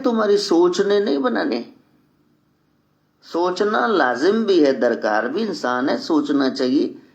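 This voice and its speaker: Slow-speaking preacher. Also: male voice, a little high, lo-fi sound. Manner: slow, earnest preaching mixed with sung mantras. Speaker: spiritual teacher. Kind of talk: devotional sermon with chanting.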